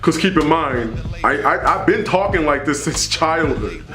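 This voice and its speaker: A man's voice: fairly high pitch, expressive, measured pace, music in the background. Emphatic man preaching in an echoey room. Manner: emphatic, preachy, repeats phrases for stress. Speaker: commentary vlogger. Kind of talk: opinion monologue to camera.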